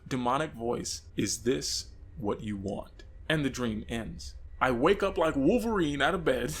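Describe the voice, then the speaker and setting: A young man telling his own eerie out-of-body experiences in a casual, earnest way. His pace quickens at the tense parts. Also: a little high, a bit bright. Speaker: storyteller. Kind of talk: casual first-person storytelling.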